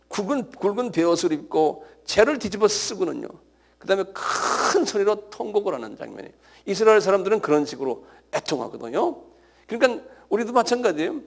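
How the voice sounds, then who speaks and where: Male pastor, high voice, gravelly, very lively pitch, preaching with sudden cries, calls out to congregation. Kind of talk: sermon.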